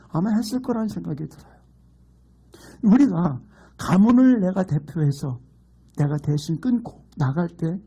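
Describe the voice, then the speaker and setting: A man's voice: on the high side, warm tone, breathy edge. A middle-aged man from Gangwon Province preaching a sermon as pastor, emphatic and mixing in humorous folksy stories. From Gangwon Province, Korea.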